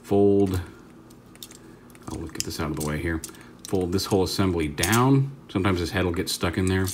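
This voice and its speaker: In this casual product demo, a man reviews a toy while fiddling with it on a tabletop, his voice deep and low. He rambles easily and corrects himself mid-sentence, and there's a faint hiss underneath.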